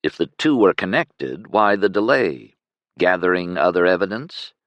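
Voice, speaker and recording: A man reads a fantasy novel aloud in a very low voice that swings widely in pitch. His storytelling is expressive, and the recording is close and dry. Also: moderate pace, no room sound. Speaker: audiobook narrator. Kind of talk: scripted fantasy narration.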